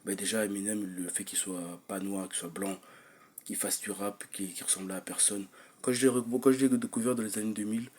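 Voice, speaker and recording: Husky low-voiced man rambling in a vlog. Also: fairly even intonation, fairly quick, a little mellow. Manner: hesitant, rambling with many fillers and restarts. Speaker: vlogger. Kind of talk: personal vlog monologue.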